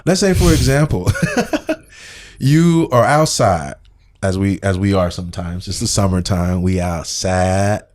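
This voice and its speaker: A man's voice: sits low, a little slow, a little mellow. A man co-hosting a casual podcast chat, playful and slangy, often laughing as he tells stories. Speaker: podcast co-host.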